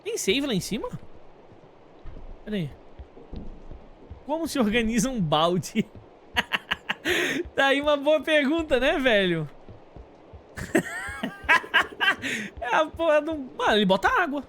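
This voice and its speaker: A man's voice: very high voice, sing-song, slow pace, pauses often, a bit bright, a little hiss or hum. A Brazilian man giving casual, slangy game commentary to his chat, thinking aloud as he plays. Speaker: game streamer talking to live chat.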